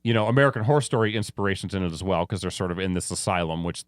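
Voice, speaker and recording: A man's voice: sits low, racing, no room sound, clean studio sound. A man co-hosting a TV podcast, chatting casually and offering opinions with frequent restarts. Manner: conversational, trails off and restarts, opinionated. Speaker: podcast co-host. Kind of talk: casual chat.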